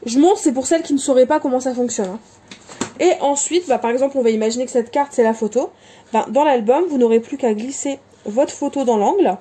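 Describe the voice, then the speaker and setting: This crafting vlogger talks a little fast in a high-pitched voice with a dark tone, with a little hiss or hum in the audio. She chats casually while presenting her supplies, leaning on fillers and self-corrections.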